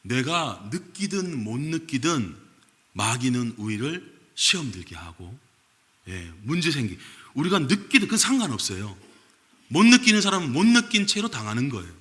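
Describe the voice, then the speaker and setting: A man preaching a sermon as pastor, lively and quick to question his congregation, recorded in a church sanctuary. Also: medium pitch. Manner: animated, keeps asking the congregation questions. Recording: long reverb of a church hall.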